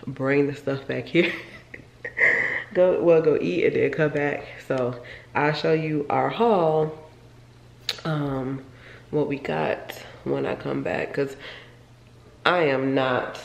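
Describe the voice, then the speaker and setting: A woman's voice: low-pitched, vocal fry, darkish tone, reverberant, muffled recording. A woman in her twenties from Florida, chatting casually and rambling through a home vlog in her kitchen, talking to a handheld camera. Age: 20s. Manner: rambling, chatty, repeats herself. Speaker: vlogger. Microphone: handheld camera, then camera set on counter.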